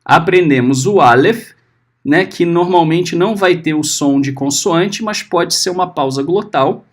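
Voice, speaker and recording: A man teaching a Hebrew class. He is patient, checks often that his students are following, and sounds out letters and syllables slowly. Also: on the high side. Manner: patient, often checking understanding with short tags. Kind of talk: recorded class lesson.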